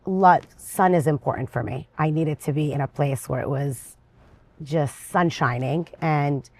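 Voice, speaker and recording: A woman from Lebanon, an interview guest, talking in a lively, chatty and restless way. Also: sits low, a little slow. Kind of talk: casual interview conversation.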